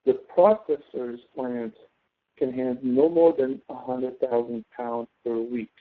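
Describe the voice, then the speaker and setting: A professor running an online class talks a student through the material in an informal tutoring style, going step by step and often asking "okay?". His voice is medium-pitched, fairly even in intonation and a little slow, and the audio sounds thin, like a phone.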